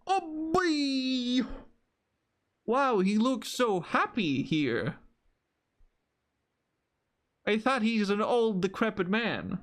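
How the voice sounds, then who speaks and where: Playful man with a higher voice, gaming. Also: very animated, measured pace, few pauses. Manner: playful, jokey asides. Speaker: streamer. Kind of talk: casual gameplay commentary.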